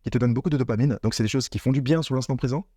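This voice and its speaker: Fast-talking man coaching business mindset. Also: medium pitch, dark tone, breathy edge, dry recording, studio quality. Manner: earnest, repetitive, addresses viewer as tu. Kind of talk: direct-to-camera motivational talk.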